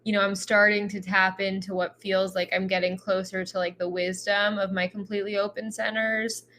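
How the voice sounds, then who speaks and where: A woman's voice: medium pitch, flat delivery, normal speed, a bit bright, a little hiss or hum. A woman co-hosting a podcast, musing reflectively in a casual chat with lots of filler words. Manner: reflective, filler-heavy, thoughtful. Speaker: podcast co-host.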